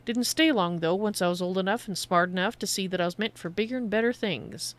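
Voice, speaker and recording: A shady cave trader from a fantasy game, acted out by a woman, sly and boastful. The delivery is roguish sales patter, pitched a little up and pushed out louder. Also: a little fast, dry recording, natural voice. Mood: boastful, salesy. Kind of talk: voiced reading of video game dialogue.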